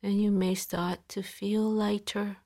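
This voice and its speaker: A female meditation guide leads a body-scan relaxation in a soft, calm, medium-pitched voice, sometimes slipping into a whisper and leaving long pauses.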